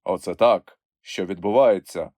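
A man voicing a pompous old male bird captain with a hoarse, fussy, blustery way of talking. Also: sits low, unhurried, a little mellow, no echo, clean studio sound.

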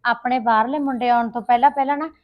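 A woman's voice: on the high side, steady tone, fast, natural voice. A woman playing a dutiful village wife in an amateur short film, explaining herself a little defensively. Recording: dull lo-fi sound.

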